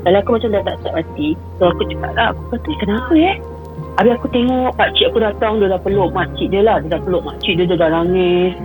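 A woman's voice: fairly low pitch, fast, over music, rough recording. A woman, calling in to tell a personal story and slipping English phrases into her telling, often repeating herself. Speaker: caller. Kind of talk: personal storytelling on a call-in show.

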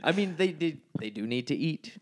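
A man's voice: on the high side, animated, moderate pace. A man co-hosting a casual movie chat, amused, asking questions and laughing often. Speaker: podcast co-host.

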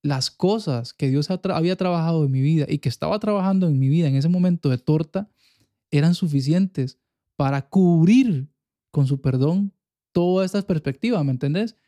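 Speaking at a moderate pace in a fairly high, warm voice, a young man with a Costa Rican accent co-hosts a laid-back faith podcast. He's earnest throughout and keeps checking in with "you get me?" to see if the listener is following.

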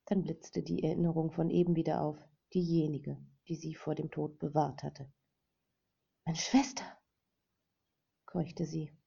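A woman narrating a dramatic novel as an audiobook in a measured reading. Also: deep voice, creaky, dark tone, husky. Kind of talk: scripted narration. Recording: dull lo-fi recording.

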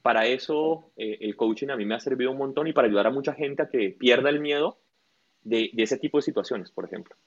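A man's voice: medium pitch, fairly quick. A man, a guest coach in a casual interview, telling stories and acting out what people said. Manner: tells stories with acted-out quotes. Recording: dull lo-fi audio.

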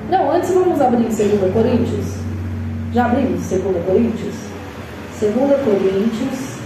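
A woman pastor with a Brazilian Portuguese accent preaching a sermon, animated, repeating phrases and asking rhetorical questions. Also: a little high, moderate pace. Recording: echoey hall, voice far from mic, noisy.

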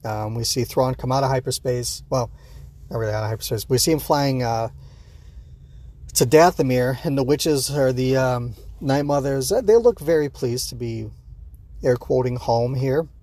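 A man's voice: mid-range voice, moderate pace, darkish tone, no room sound. A man hosting a show, giving a casual, rambling reaction recap full of fillers and acted-out quotes. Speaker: show host.

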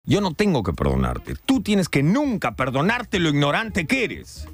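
A man's voice: a little high, huge pitch swings, moderate pace, a crowd in the background. A man hosting a call-in radio show, sarcastic and theatrically insulting toward callers.

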